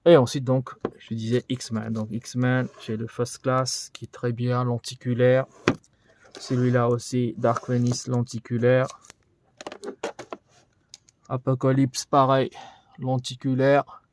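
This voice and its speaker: A man's voice: mid-range voice, monotone, slow pace, pauses often, a little mellow, slight background noise. Rambling man showing his collection. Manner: rambling, thinks aloud with frequent fillers. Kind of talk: casual room tour vlog. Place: indoors in a collection room.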